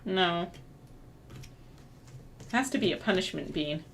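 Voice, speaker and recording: A woman's voice: lowish voice, slow, creaky, slight background noise. A young woman co-hosting a livestream, teasing and bossing her partner playfully. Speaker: livestream co-host. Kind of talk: casual chat while puzzling.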